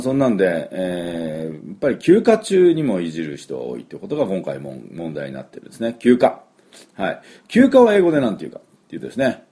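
A middle-aged man giving a chatty English pronunciation lesson, with drawn-out fillers and model words repeated for the listener to copy. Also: low-pitched, warm tone. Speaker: English teacher.

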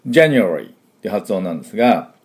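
Casting: man, low voice with a bouncy, lively pitch, a chatty teacher who stops often to sound out words. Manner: chatty, full of fillers, sounds out words slowly. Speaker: English teacher. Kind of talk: explanatory lesson.

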